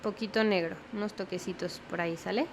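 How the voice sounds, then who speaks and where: In this painting tutorial, a young female watercolor teacher takes her time, explains each stage slowly and keeps asking whether the viewer is following. She speaks at a moderate female pitch in a steady tone over a light hiss.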